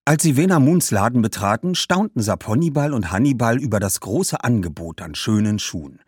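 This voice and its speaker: A man narrating a children's story with an expressive reading. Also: medium pitch, fairly quick, slightly rough, no room sound, studio quality.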